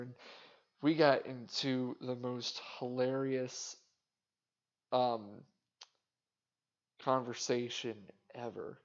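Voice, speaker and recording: A man hosting a podcast, rambling casually in a flat, indifferent way, swearing and making fun of himself. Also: medium pitch. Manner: casual, swearing, self-mocking. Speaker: podcast host. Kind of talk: rambling solo monologue. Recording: dull lo-fi sound.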